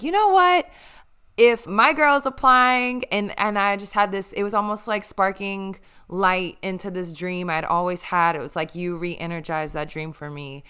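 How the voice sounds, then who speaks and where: A woman's voice: medium pitch, fairly even intonation, moderate pace, hardly any pauses, bright, forceful tone, clean tone. A young woman hosting a podcast, talking in an earnest, emotional way and sharing her story. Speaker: podcast host. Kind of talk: casual heartfelt chat.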